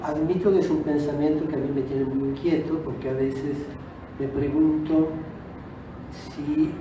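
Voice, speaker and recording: In a book fair auditorium, a guest author who is a native Italian speaker talks unhurriedly in a fairly high voice with fairly even intonation. His improvised reflections come with hesitations and rephrasing, captured from a distance amid echo and background noise.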